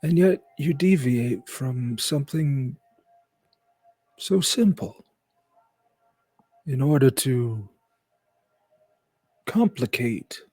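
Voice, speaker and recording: A man voicing a calm, cryptic old wandering mystic with a raspy, aged voice and a musing manner in a tabletop game. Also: mid-range voice, dry recording, soft background music, voice pushed up, full character voice. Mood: gently admonishing. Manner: slow, musing, unhurried. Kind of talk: tabletop game role-play.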